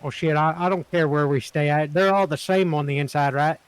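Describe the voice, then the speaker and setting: A man's voice: a little high, steady tone, a little fast, clean tone, low-quality recording. A man speaking in character in a roleplay game, casual and rambling, swearing lightly. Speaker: roleplay player.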